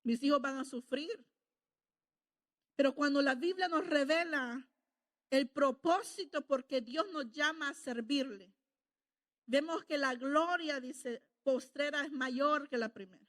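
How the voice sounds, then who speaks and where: Middle-aged woman preacher, high voice, homey conversational sermon. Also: unhurried, fairly bright tone. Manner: conversational, asks the congregation "¿verdad?".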